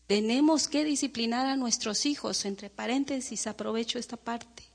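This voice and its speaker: A woman's voice: a little high, normal speed, vocal fry, long reverb tail. A woman preacher giving a fervent sermon to her congregation, calling them brothers and sisters and acting out the prayers she quotes. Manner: dramatizes quoted prayers and speech.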